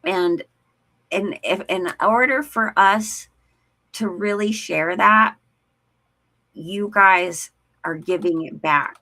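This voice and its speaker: A woman's voice: mid-range voice, slow pace, pauses often, pushed and bright. A woman co-hosting a live stream, chatting casually with a Valley-girl lilt and lots of "like". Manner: chatty, laughs often, says "like" a lot. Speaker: co-host of a live stream show.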